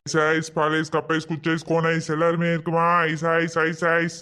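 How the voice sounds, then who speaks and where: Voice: mid-range voice, completely flat delivery, normal speed, heavy background noise, lightly acted. A performer acting a street ice-cream seller who calls out his wares in a sing-song voice. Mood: hawking. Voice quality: sing-song hawker's call. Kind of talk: village comedy sketch acting.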